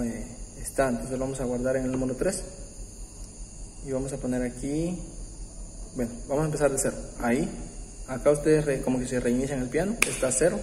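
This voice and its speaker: A man hosting a keyboard tutorial, explaining step by step in a patient, halting way with many pauses and restarts. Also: medium pitch, slight background noise. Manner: warm, patient, uses religious greeting. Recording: roomy, echoey room with long reverb. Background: faint keyboard music.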